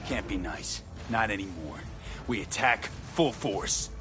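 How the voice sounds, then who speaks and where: An actor playing a tough, cocky mercenary in a video game, terse and wry. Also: male voice, lowish voice, expressive, measured pace, over music. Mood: grimly determined.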